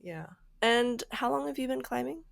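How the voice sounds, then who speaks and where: A woman's voice: on the high side, expressive, normal speed, vocal fry, no room sound, studio quality. A woman hosting a climbing podcast, reading her intro, then chatting in an encouraging, upbeat way. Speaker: podcast host. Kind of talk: scripted intro, then casual interview.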